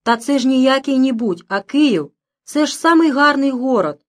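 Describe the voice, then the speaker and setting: A woman reading an audiobook, voicing an excited Ukrainian village neighbor woman with a sing-song Ukrainian accent. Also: high voice, a little slow, pitched above the performer's own voice. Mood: pleading. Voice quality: sing-song, mixing Ukrainian words into Russian.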